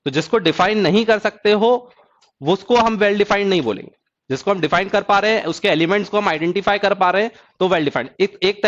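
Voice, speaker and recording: A man teaching an exam-prep math lecture who keeps asking students if the point is clear and drawls key terms slowly. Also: high voice, a bit bright, lo-fi sound. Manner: asks students check questions.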